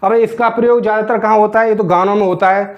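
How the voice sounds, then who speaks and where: High-voiced male teacher, dull recording. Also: steady tone, fast talker. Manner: asks rhetorical questions and answers them himself; keeps checking in with "theek hai na". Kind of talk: classroom grammar lesson.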